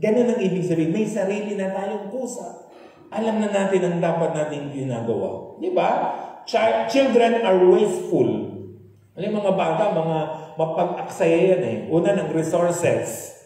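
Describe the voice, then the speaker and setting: Filipino guy preaching, high mellow voice, keeps checking in with the crowd, sounds far off in a big echoey hall. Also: lively intonation, normal speed, slight background noise. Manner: conversational, mixing in English, keeps asking "di ba?". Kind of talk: sermon.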